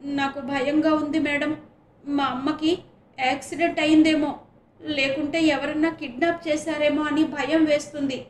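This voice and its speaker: A woman's voice: high-pitched, little pitch movement, moderate pace, reverberant, slight background noise, voice pushed up, natural voice. Woman voicing a sobbing frightened schoolgirl. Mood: tearful fear. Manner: sobbing, pleading. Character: frightened teenage schoolgirl, tearful.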